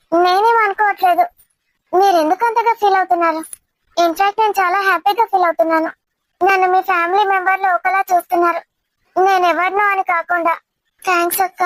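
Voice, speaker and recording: A lonely young guest who answers softly and holds her feelings back, played by a woman. Her voice is very high and dry, close to the mic, in a home web drama. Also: dry recording.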